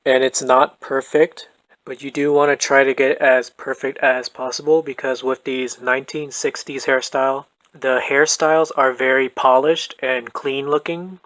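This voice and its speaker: A man calmly talking through a hair-setting tutorial in a voice-over, soft-spoken and methodical. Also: mid-range voice, normal speed, dry recording, rough recording. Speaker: doll hair tutorial host. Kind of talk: calm instructional voice-over.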